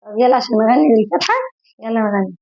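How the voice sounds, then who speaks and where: A woman's voice: fairly high pitch, darkish tone, dull audio. A woman with an Egyptian accent teaching young children their letter sounds, asking questions and answering them herself and stretching each sound out. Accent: Egyptian Arabic. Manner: drawn-out, exaggerated letter sounds. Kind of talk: children's phonics lesson.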